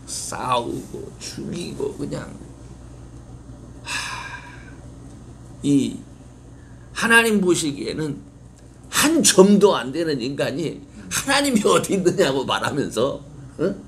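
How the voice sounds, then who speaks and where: A man's voice: fairly high pitch, big pitch swings, slow pace, creaky, pauses often, a bit bright, slight background noise. A male pastor preaching an impassioned sermon, putting rhetorical questions to his congregation. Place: church sanctuary.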